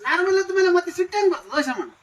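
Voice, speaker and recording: A man's voice: very high-pitched, very animated, rapid-fire, distant mic, background noise. A man with a North Karnataka Kannada accent, playing a prying, teasing villager in a comedy skit. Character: nosy village man questioning a neighbor.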